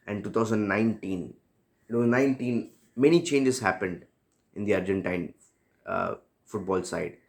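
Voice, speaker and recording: Low, gravelly man reminiscing. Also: normal speed. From India. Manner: reflective, rambling, with frequent fillers and self-corrections. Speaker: football fan telling a personal story. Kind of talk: casual spoken storytelling.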